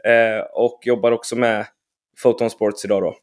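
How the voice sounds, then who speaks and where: A man's voice: lowish voice, little pitch movement. A man hosting a podcast in casual chat, informal and hesitant with many fillers. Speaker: podcast host.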